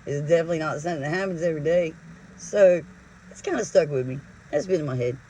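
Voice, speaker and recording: A woman telling a story casually to camera, animated and profane, laughing often as she retells it. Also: low-pitched, fast talker, a little hiss or hum, low-quality recording. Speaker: vlogger.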